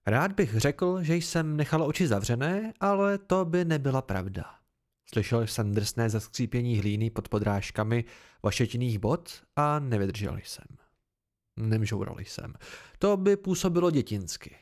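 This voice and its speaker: Expressive male audiobook narrator. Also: medium pitch. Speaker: audiobook reader.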